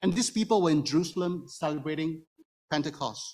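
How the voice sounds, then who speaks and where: A native Hokkien Chinese speaker with a slightly high, somewhat mellow voice preaches fairly quickly to a congregation in a church. He explains scripture step by step in an expository sermon, frequently posing rhetorical questions to his listeners, and the hall's long echo is audible.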